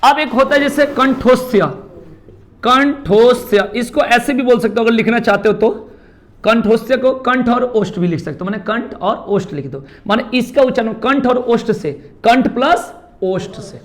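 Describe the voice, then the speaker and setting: High-pitched man teaching a classroom lesson. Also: moderate pace. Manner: lively, repeats sounds aloud and drills students; calls students "bhai" often. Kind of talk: classroom lecture.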